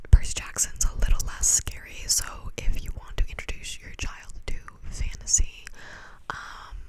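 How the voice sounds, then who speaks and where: In poor audio, an ASMR host, a young adult woman, rambles in a quick whisper close to the microphone, breathy with clicks, often repeating words and phrases.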